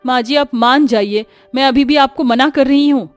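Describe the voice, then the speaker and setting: A woman's voice: sits high, moderate pace, soft background music, lightly acted. A woman voicing a patient, sensible young daughter-in-law in a cartoon story, pleading and scolding. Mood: pleading, exasperated.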